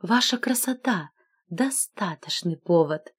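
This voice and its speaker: A woman's voice: on the low side, expressive, slow, husky, exaggerated voice. Woman doing a boastful shirt collar dandy. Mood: smooth flirting. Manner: flirtatious, bragging, gushing.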